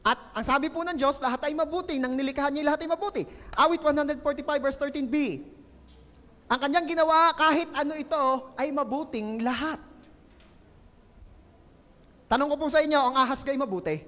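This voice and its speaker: A Filipino man delivers a playful sermon, teasing his congregation and asking them questions. His voice sits unusually high for a man. The church hall around him gives it a long, ringing echo. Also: fairly quick, pauses often, sharp tone. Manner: joking, asks the congregation questions. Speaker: pastor. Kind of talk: lively humorous sermon.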